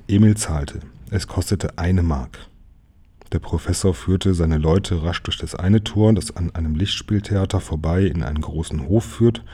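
A man reading a children's novel aloud as narrator, lively and switching voices for the characters. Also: deep voice, breathy edge. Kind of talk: storybook reading.

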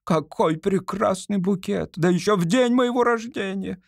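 A man's voice: normal speed, no echo, studio quality, lightly acted. Man playing an old woman gushing as a young actress. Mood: giddy. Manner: high, excited, breathless girlish exclamations.

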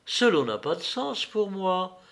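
A proud woman torn by love speaks in a trembling, pleading voice, as a male reader gives her lines in a somewhat higher tone. She talks slowly and measuredly, as in a read-aloud novel. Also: sing-song, vocal fry, fairly bright tone, heavily acted. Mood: anguished.

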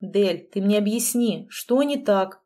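A reserved, guarded grown man, as read by a woman storyteller, speaking in a flat, terse way. The tone is soft and mellow, close to the reader's own voice. It is a storybook read-aloud. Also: mid-range voice, slow pace. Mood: earnest.

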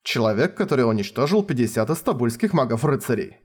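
A man voicing a young male king who speaks quietly and with assurance. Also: mid-range voice, big pitch swings, fast talker, husky. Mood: calm.

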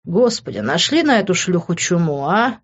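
A woman's voice: fairly low pitch, sing-song, moderate pace, slightly rough, dull audio. A woman voicing an arrogant young man who drawls and taunts, in an audiobook read-through. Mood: mocking.

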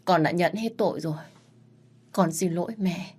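A woman's voice: fairly low pitch, normal speed, a little mellow, breathy edge. A woman voicing a tortured young prince in a read-aloud story, speaking in an earnest, pleading way. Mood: tender. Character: tortured young prince, defiant then tender.

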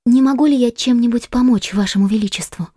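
A man voicing a devoted, eager young maid in a fervent, earnest falsetto for a storybook audiobook. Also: fairly quick, dark tone, no echo, studio quality. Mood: tender. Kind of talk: audiobook character voice.

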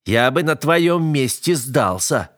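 A man voicing a cruel, arrogant young nobleman who taunts his captive with slow, drawn-out commands in an audiobook. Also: medium pitch, big pitch swings, no echo, studio quality, pitched above the performer's own voice. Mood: sneering. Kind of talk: audiobook character voice.

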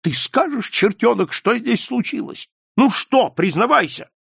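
A man voicing a stern, hot-tempered innkeeper in a spoken story, loud and commanding. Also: mid-range voice, wildly swooping pitch, normal speed, slightly rough, no room sound, studio quality, exaggerated voice. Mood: furious.

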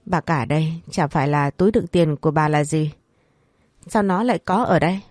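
A woman's voice: low voice, moderate pace, darkish tone, dry recording, clean studio sound, close to an everyday voice. A woman voicing an elderly head of a noble household in a storybook drama, speaking with stern, clipped authority.

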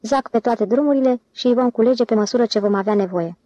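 A woman voicing a scheming, smooth-talking male con man who leads his band in a storybook reading. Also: on the high side, mellow, no room sound, highs cut off, natural voice. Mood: orating. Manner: commanding, irritable.

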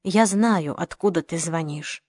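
A woman reading the part of an ailing older father who pleads and evades, in a lowered, subdued audiobook voice. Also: measured pace, a little mellow, dry recording, studio quality. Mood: hesitant. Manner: hesitant, pleading.

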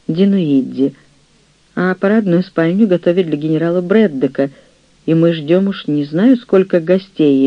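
Man putting on a shrill scheming old nurse. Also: no room sound, dull audio, lightly acted. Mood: flustered. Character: older woman, scheming jealous nurse, ensign's widow.

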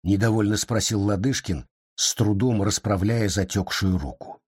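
A man reading a story aloud in a measured, expressive storytelling manner. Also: on the low side, husky. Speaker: narrator. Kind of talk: scripted audiobook narration.

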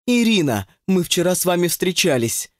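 A man's voice: high-pitched, very animated, normal speed, no room sound, clean studio sound, pitched above the performer's own voice. Man voicing an eager, pleading witch woman. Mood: excited. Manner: insistent, pleading, honeyed when coaxing. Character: eager, pleading middle-aged female witch.

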